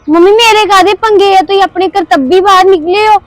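A woman's voice: very high-pitched, a little fast, dry recording, faint music behind. A woman playing a young daughter-in-law who answers back to her mother-in-law. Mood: defiant. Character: young daughter-in-law, defiant but worried. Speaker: actor. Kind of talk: village family drama acting.

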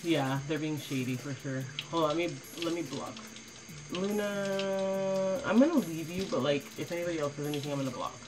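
A woman's voice: sits low, brisk, background noise. Rambling young woman livestreaming from home. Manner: rambling, full of "like" fillers, blunt and swearing. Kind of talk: casual livestream chat. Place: at home, in her kitchen. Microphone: phone.

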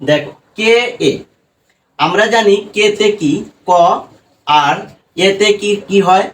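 A man's voice: sits high, slow, recorded from a distance, rough recording. A man teaching a classroom lesson on English reading, asking questions and then answering them, often adding "right?". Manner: addresses viewers as students.

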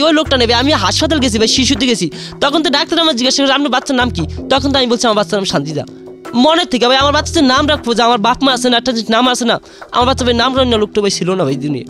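Young man, high voice, very fast, rambling, music behind. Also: a bit bright. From Bangladesh. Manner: rambling, keeps saying "brother". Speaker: caller sharing a confession. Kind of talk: emotional personal storytelling on radio.

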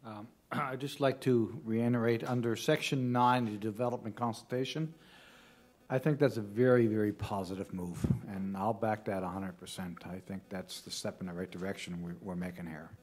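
A man's voice: lowish voice, moderate pace, a little mellow. A man speaking as a councillor in a council meeting, voicing earnest support. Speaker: town councillor. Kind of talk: brief remark in a council meeting. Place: council chamber.

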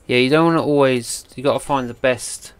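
A man's voice: medium pitch, brisk, clean tone. A man streaming a game live, chatting casually and calling people mate and bro. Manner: relaxed, chummy, calls people mate and bro. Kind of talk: casual gaming chat.

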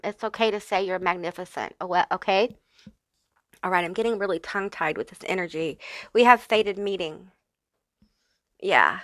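A woman speaks with a noticeable slushy lisp in a bright, forward voice at a middling pitch. She addresses viewers as a tarot reader, earnestly affirming them and repeating key phrases. The sound is close and dry. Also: dry recording. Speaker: tarot reader, channel host. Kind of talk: pick-a-card tarot reading, addressing viewers directly.

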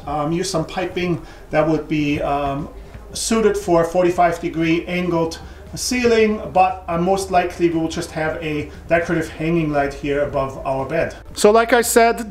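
A man in his forties, a home renovation vlogger, walks through a large wooden attic he's renovating indoors and casually narrates his plans. His high-pitched voice is relaxed, thinking aloud with many ums and restarts. The camera mic is often off-camera, and the wooden attic sounds echoey.

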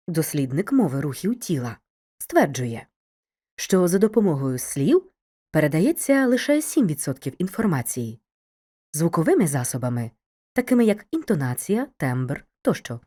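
A woman narrates a school video lesson in a clear, measured way, speaking straight to the student. Her voice sits low and mellow. Her intonation rises and falls in wide, lively swings. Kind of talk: scripted educational narration.

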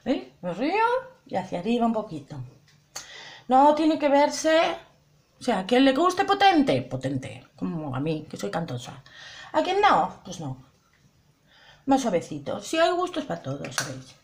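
With a fairly high voice full of huge pitch swings, this young woman talks unhurriedly and pauses often while doing a makeup tutorial. As a beauty vlogger, she chats straight to viewers, repeating things and asking whether they see.

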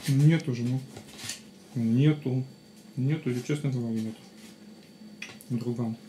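A man's voice: medium pitch, steady tone, measured pace. A man chatting casually to his pet as its owner, recorded on a camera in a small kitchen. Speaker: dog owner. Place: small home kitchen, indoors. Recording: noisy, clicky home camera audio.

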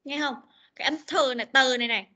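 Over what sounds like a video call microphone, a young English teacher leads an online pronunciation drill. Her voice is bright and fairly high, and she patiently corrects and repeats words slowly.

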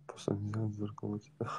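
A man in his twenties with a slight Dagestani accent hosts a phone livestream from a sofa in a small room at home, chatting casually with callers through the front camera held close. Relaxed and teasing, he sometimes mumbles, speaking at normal speed with a fairly low pitch and a breathy edge.

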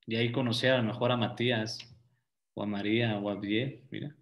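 A man's voice: on the low side, steady tone, a little fast. A man leading a youth group video call as teacher, coaxing shy students to speak up.

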